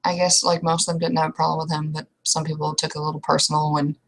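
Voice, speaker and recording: A young roleplay player with a slightly low voice talks through an improvised in-character scene over a rough recording. Her tone is level and her manner casual and halting, with frequent restarts, trailing sentences and mild swearing.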